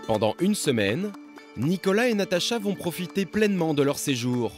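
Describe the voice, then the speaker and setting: A man narrating a television documentary report in a measured, scripted voice-over. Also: on the high side, big pitch swings. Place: studio voice-over. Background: music.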